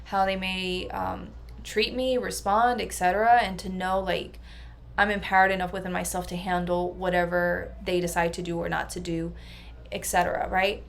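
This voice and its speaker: A woman's voice: fairly low pitch, flat delivery, normal speed, gravelly. A woman personal transformation coach talking through a casual vlog monologue in an earnest, reflective way. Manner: earnest and reflective, level delivery.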